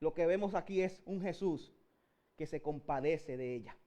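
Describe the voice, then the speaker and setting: A man's voice: fairly high pitch, normal speed, dark tone. A man with a Puerto Rican accent preaching a sermon, calling his listeners "brother" again and again and building up to emphatic peaks. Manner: addresses listeners as "hermano" constantly, rising to emphatic peaks.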